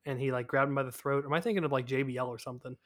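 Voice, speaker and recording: A man, co-hosting a casual podcast chat, excitable and quick to laugh while sharing fun facts. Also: mid-range voice. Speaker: podcast co-host.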